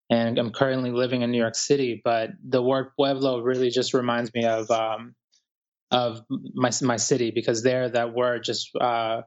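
A man from Ecuador, a writer, talking calmly and thoughtfully in an interview, with many pauses and fillers. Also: medium pitch, highs cut off. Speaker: guest writer. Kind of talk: reflective interview talk.

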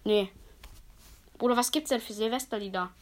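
A woman's voice: a little high, normal speed. A young woman chatting casually and laughing at herself during a quiz with a friend. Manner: giggly, self-mocking, slangy. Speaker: podcast co-host. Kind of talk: casual chat, New Year quiz.

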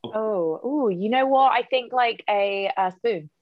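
A woman touched by gives a casual, rambling interview. Her voice sits fairly high, and she is playful as she talks. The recording is dry and slightly dull. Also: unhurried, no room sound. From Britain. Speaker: interview guest, model and actress. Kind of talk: casual chat.

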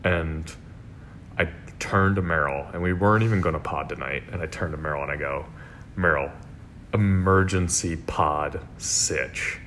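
Podcast co-host, male, sick with a sore throat, very low husky baritone, playful delivery, slight background rumble. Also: a little fast, a bit bright. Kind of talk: casual chat. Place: at home on a couch.

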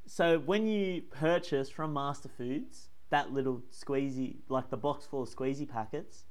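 A man's voice: mid-range voice, unhurried, a little mellow. A man co-hosting a casual podcast, chatty and teasing. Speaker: podcast co-host. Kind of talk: casual chat.

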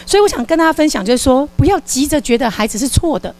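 A woman's voice: high-pitched, racing. A woman giving a live parenting lecture and acting out a scolding parent with a volunteer. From Taiwan. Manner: lively, acts out scolding parent lines. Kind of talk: live lecture with stage role-play.

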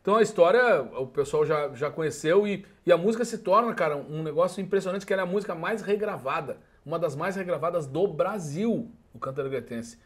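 A man with a Gaúcho accent from southern Brazil, a musician telling animated stories in casual chat, acting out voices and laughing often. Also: fairly high pitch, a little fast, hardly any pauses. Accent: Gaúcho Portuguese. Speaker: musician guest.

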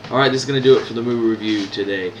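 A man with a lowish voice talks casually through a movie review, hesitating with ums and restarting his sentences. He sits some way from a built-in mic, so an echoey room sound hangs on every word, with a faint hiss underneath. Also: rapid-fire, distant mic, highs cut off. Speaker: podcast host reviewing movies. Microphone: no proper microphone, built-in device mic.

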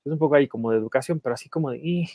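A man with a Mexican accent co-hosting a podcast, telling anecdotes in a lively, casual way and acting out voices. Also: medium pitch, racing, dry recording, studio quality. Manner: animated anecdotes, acts out quoted voices. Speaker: podcast co-host, film journalist. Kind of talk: casual chat, storytelling.

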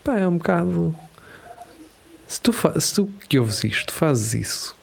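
Portuguese man, casual podcast co-host, animated and jokey, laughs a lot. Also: on the high side, measured pace, vocal fry, husky. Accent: European Portuguese. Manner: animated, laughing, slangy, acts out quoted voices. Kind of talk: casual chat.

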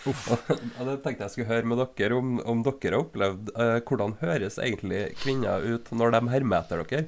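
A man's voice: mid-range voice, slight background noise. A man, co-hosting a radio show and chatting casually, often laughing, with lots of fillers. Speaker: podcast co-host.

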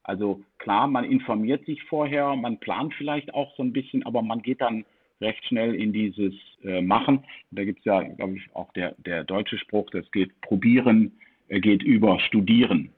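Middle-aged guest, chatty and halting, slightly husky, thin earbud call sound. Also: male voice, lowish voice. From grew up in the Netherlands, German parents. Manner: hesitant, lots of restarts and fillers. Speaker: podcast guest, founder. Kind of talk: casual interview chat. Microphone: Apple AirPods over an internet call. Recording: tinny phone-like call audio.

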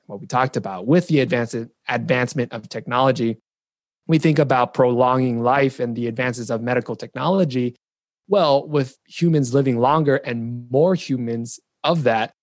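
A man presents his argument in a relaxed podcast chat, earnest and steady, building his point at length. His voice sits in a middle register. The recording is dry and close. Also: medium pitch, dry recording. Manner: earnest, argues a case at length. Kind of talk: casual debate chat.

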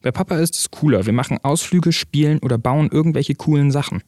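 A man's voice: a little high, fairly quick, a little mellow, dry recording, studio quality, voice pushed up, close to an everyday voice. A man voicing an upset, stubborn young boy in a story reading, his voice rising and pleading.

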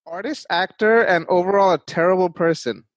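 A man's voice: high voice, brisk. Curious male host from Bangladesh. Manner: curious, asks many questions. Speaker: interview host. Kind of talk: casual interview.

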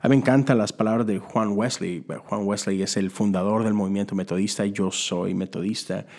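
A man's voice: on the low side, fairly even intonation, brisk, a little mellow. A man gives a conversational sermon as a Methodist preacher, asking rhetorical questions and adding casual asides.

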